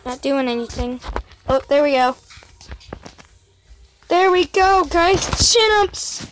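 A woman's voice: sits high, expressive, takes it slowly, a little hiss or hum. A young woman casually commentating her gameplay for her channel, chatty and constantly calling out to her viewers. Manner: chatty, keeps addressing viewers as guys. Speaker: gaming channel host.

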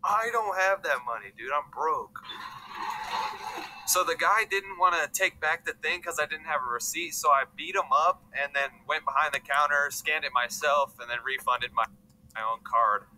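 Bright rambling young vlogger guy. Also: fairly high pitch, moderate pace, low-quality recording. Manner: rambling, joking, says "bro" a lot. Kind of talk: casual vlog talk to camera.

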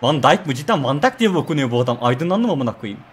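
A man streaming himself playing a football video game, calling the players' names in rapid play-by-play with casual swearing. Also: medium pitch, big pitch swings. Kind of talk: live gameplay commentary.

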